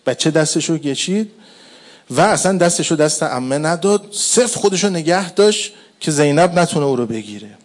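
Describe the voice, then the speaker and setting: A man preaching a mourning sermon, chanting Arabic quotations slowly before explaining each one in everyday speech. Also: fairly high pitch, expressive.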